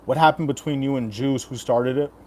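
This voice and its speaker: A man's voice: medium pitch, steady tone, a little fast, dark tone. A man hosting a casual livestream, talking in crude, profane frat-bro slang as he banters with chat. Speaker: livestream host giving fight predictions.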